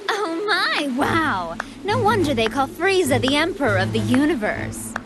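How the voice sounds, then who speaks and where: An airy female android villain speaks in a high, swooping voice over loud music. She is sweetly polite and flippant, with playful menace, in English-dubbed anime game style. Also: big pitch swings, a little slow. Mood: sweet, coy.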